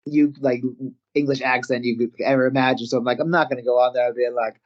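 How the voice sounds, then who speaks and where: A man's voice: medium pitch, fast. A man with a Canadian accent, a wrestler guest telling stories in a casual interview and often laughing as he talks. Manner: animated, laughs often mid-story. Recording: slightly muffled audio.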